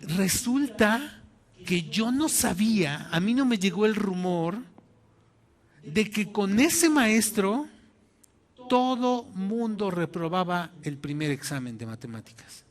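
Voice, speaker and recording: High-voiced Mexican pastor preaching. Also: male voice, takes it slowly. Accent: Mexican Spanish. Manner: animated, acts out voices in his story. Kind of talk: sermon with personal storytelling.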